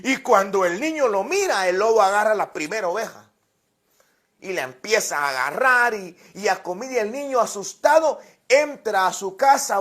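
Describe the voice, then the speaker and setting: Male pastor, very high voice, storytelling sermon, repeats himself, talks right to the congregation. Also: fairly bright tone. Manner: repeats words, addresses listeners directly.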